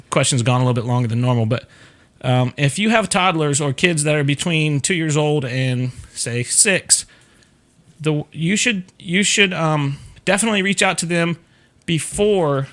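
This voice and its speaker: A man's voice: fairly high pitch, fairly bright tone. A middle-aged man hosting an advice show, explaining in a casual, conversational way and often checking that listeners follow.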